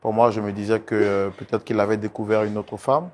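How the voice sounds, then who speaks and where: A man hosting a talk show, who keeps repeating apologies and calming words and pleads with a guest. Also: lowish voice, a little fast. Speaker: host.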